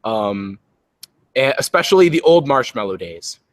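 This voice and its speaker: A man's voice: mid-range voice, big pitch swings, unhurried. A man co-hosting a livestream, rambling and joking at his own expense. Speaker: co-host, voice actor. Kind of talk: casual livestream chat.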